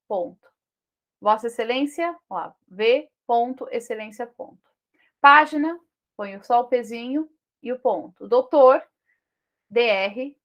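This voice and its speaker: A woman teacher with a Brazilian accent giving a lesson on punctuation, checking in with listeners through frequent tag questions and reading example sentences slowly. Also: high-pitched. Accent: Brazilian Portuguese.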